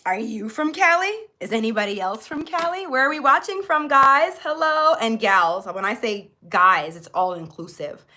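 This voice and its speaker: A beauty livestream host, Jamaican-born and Florida-raised, talks straight to her audience in a casual, chatty live tutorial. She speaks at a moderate pace with few pauses, her slightly high voice sounding pushed and bright.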